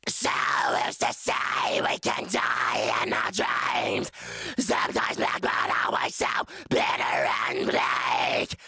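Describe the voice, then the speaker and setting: A man demonstrating screamed metal vocals with a deep rasping growl and harsh distorted screams. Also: expressive, takes it slowly, pushed and bright, dry recording, raised voice.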